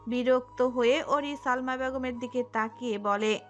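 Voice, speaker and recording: A woman narrating a romantic audio story in an expressive storytelling manner. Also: a little high, unhurried, lo-fi sound, soft background music.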